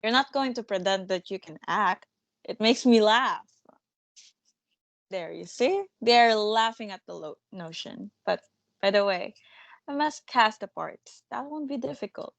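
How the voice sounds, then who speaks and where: A woman in a dramatic play reading, playing a self-assured theatre manager with a brisk, scornful, commanding manner. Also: medium pitch, expressive, creaky, no room sound. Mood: amused, scornful.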